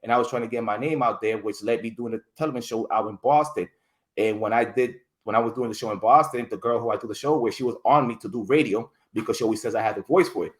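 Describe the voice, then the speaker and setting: A rambling, animated man telling stories. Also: mid-range voice, quick pace. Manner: rambling, restarts words often, many fillers; animated storytelling, voices others in quotes. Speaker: podcast guest. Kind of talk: casual interview chat.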